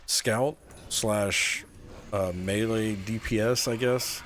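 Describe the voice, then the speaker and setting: A man's voice: on the low side, steady tone, takes it slowly, a bit bright, slight background noise. A man streaming a game live, chatting casually with viewers and talking through his picks with lots of "so, like" and "um". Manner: laid-back, answers chat, many fillers like "so, like" and "um".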